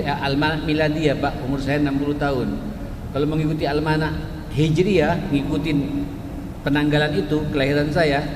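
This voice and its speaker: A man, preaching to a mosque congregation and often addressing them directly. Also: a little high. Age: 60s. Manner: addresses listeners as Pak and jamaah often. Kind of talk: mosque sermon. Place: mosque hall. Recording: echoey mosque hall with noise.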